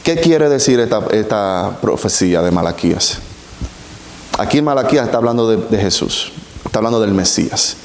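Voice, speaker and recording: A man preaching a sermon, explaining scripture slowly and deliberately with rhetorical questions. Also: lowish voice, lively intonation, a little hiss or hum. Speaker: pastor. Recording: roomy echo with long hall reverb.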